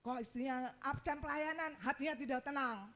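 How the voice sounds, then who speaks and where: A middle-aged woman pastor preaching a sermon with a casual twang, telling stories with emotion and swinging from loud pleading to soft murmurs. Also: high voice, moderate pace.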